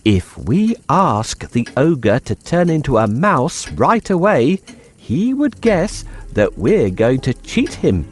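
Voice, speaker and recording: A man voicing a sly, boastful cat in boots for a children's storybook, with a theatrical, wheedling, excitable delivery. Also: mid-range voice, takes it slowly, voice pushed up. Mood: scheming. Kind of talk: children's storybook character acting.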